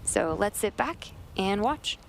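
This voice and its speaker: A woman's voice: medium pitch, expressive, slow, creaky. Woman commentating a launch, faint noise. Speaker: launch webcast host. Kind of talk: explanatory live launch commentary.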